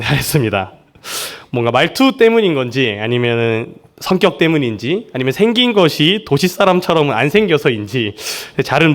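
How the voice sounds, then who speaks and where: A man's voice: on the high side, fairly bright tone. A young man from Seoul, a junior pastor preaching a church sermon in a friendly, joking way. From Seoul, South Korea. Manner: friendly and joking, often laughing with the congregation. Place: church service.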